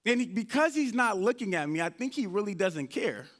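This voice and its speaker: High-voiced man telling stories on stage. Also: fairly quick. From United States (Indianapolis). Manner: animated storyteller, acts out his own past dialogue. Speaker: motivational speaker. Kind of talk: live motivational storytelling talk. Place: event stage before an audience.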